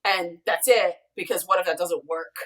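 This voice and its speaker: A woman who co-created and runs a podcast talks casually as an interview guest on a video call, explaining things in a rambling way with emphatic asides. Her fairly low, slightly bright voice holds a steady tone at normal speed. She's picked up by a distant mic, away from her.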